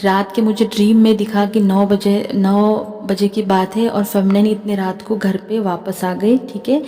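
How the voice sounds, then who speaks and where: A woman's voice: medium pitch, warm tone, in a large hall. A woman with an Indian accent, a spiritual healer and tarot reader, talking to camera in a chatty way and often checking in with her listeners. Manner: chatty, keeps adding "theek hai". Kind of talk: spiritual channeling talk to camera.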